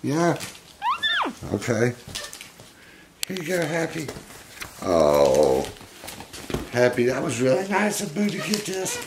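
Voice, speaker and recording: A man's voice: a little high, huge pitch swings, slow pace, pauses often. Guy cooing at his pet monkeys, voice going up and down a lot, noisy home video. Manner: doting, coaxing talk to his monkeys. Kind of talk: casual home video talk to pets.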